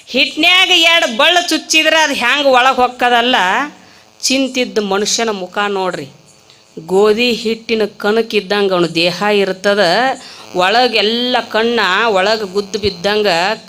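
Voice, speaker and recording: A woman preacher with a North Karnataka accent giving a comic religious discourse in a temple, telling stories with rustic humor and quick asides to the audience. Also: mid-range voice, bright, forceful tone. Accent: North Karnataka Kannada. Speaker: spiritual preacher.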